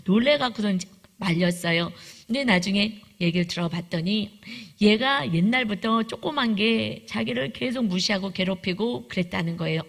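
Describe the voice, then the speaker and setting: A woman's voice: medium pitch, normal speed, gravelly. A woman preaching a sermon testimony, telling a story vividly and acting out the prayers and voices she quotes. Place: church sanctuary.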